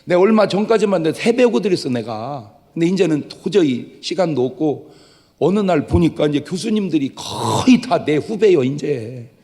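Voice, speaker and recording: Middle-aged male pastor, playful sermon, voice a bit high, long hall reverb. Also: normal speed. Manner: lively, joking preacher who acts out quoted voices. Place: church sanctuary.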